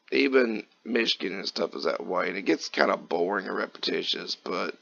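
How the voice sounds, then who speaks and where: A man from Kentucky, raspy from just waking up, chatting casually through gameplay commentary in a relaxed, folksy way. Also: on the low side, muffled recording. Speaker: gaming channel host.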